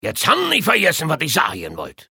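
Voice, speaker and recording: High, gravelly, hammy game character. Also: male voice, wildly swooping pitch, a little fast, pushed and bright, dry recording, clean studio sound, heavily acted. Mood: wry, idle. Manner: hammy, mock-dramatic. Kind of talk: comic video game character acting.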